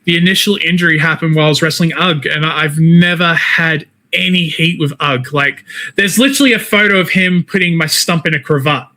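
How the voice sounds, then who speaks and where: A man with an Australian accent, a wrestler and game streamer, chats casually as an interview guest, informal and talkative. His voice is fairly high, bright and forceful, and he talks a little fast, peppering his speech with "man" and "like."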